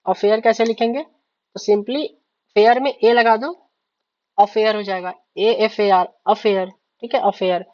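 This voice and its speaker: A woman's voice: medium pitch, fairly even intonation, unhurried. A woman teaching shorthand in mixed with spoken. She goes word by word, spells out letters and keeps checking that the class is following. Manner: repeats words, spells letters out, keeps asking "ठीक है?". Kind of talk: step-by-step lesson, writing on a board. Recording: slightly dull, lo-fi sound.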